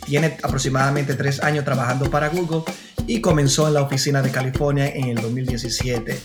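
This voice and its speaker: A man's voice: mid-range voice, fairly even intonation, a little fast. A Dominican man hosting a podcast, introducing his guest and asking open questions in a friendly way. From Dominican Republic. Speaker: podcast host. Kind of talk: podcast interview. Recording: music bed clearly heard.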